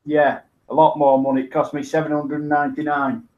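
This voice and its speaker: A man's voice: fairly high pitch, completely flat delivery, fairly quick, darkish tone, dull audio. A man chatting on a live stream, hesitant with many restarts. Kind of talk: casual live-stream chat.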